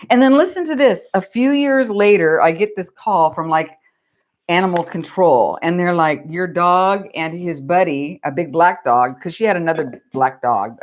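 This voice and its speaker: Chatty low-voiced woman. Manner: rambling, chatty, laughs at her own stories. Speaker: craft vlogger. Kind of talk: casual storytelling while crafting.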